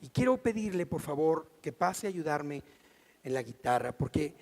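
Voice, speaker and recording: A middle-aged man with a Mexican Spanish accent preaching a sermon as pastor, animated and acting out the voices he quotes. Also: fairly high pitch, moderate pace, vocal fry. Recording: church hall reverb.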